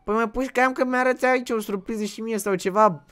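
Male roleplay streamer, frantic and pleading, high bright clear voice, headset mic. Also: steady tone. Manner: panicky, pleading, shouts repeated pleas. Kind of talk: casual game roleplay chat.

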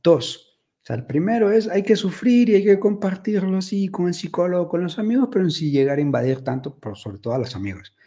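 A man's voice: sits high, lively intonation, fairly quick, dark tone. A man giving advice in a casual, reflective monologue, telling personal stories and often checking in with tag questions.

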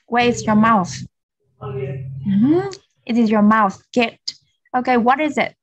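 A woman teaches children English vocabulary. Her voice sits slightly high and sounds dry and close. She models each word patiently and encourages the kids. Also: no room sound, muffled recording. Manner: models words slowly for repetition, patient and encouraging.

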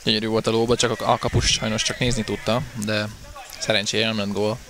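Male sports analyst, co-commentary, level mid-pitched delivery, slight background noise. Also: little pitch movement. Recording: faint background venue noise.

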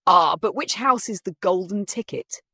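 A woman's voice: medium pitch, expressive, normal speed, bright, forceful tone, husky, no room sound, clean studio sound, pitched above the performer's own voice, full character voice. A woman voicing a flamboyant male pony showman with a theatrical manner.

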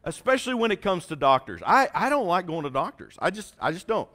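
A man's voice: high-pitched, a little fast. A man, a pastor telling a self-mocking story in his sermon. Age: 40s. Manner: animated, self-mocking storyteller with a folksy drawl. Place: church sanctuary.

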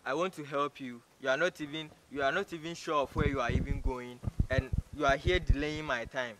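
A man's voice: medium pitch, steady tone, brisk, fairly bright tone, lightly acted. An actor playing a rude, arrogant man who mocks and insults a stranger, stammering and repeating himself as he scolds her. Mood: scornful. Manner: scornful, mocking, repeats himself in stammering bursts. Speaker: actor in a short film. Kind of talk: short-film drama acting.

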